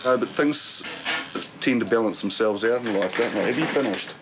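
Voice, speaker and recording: A man's voice: medium pitch, normal speed, background noise. A man with a broad New Zealand accent, chatting casually in slangy, blokey Kiwi speech. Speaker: reality documentary participant. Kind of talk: casual chat. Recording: music playing behind the voice.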